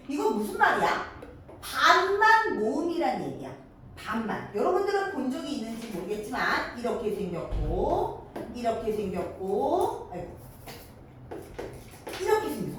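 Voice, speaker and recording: A woman teaching a middle school grammar lesson, lively and coaxing, checking in with her students again and again. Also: on the high side, slight background noise. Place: classroom. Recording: echoey classroom, mic far off.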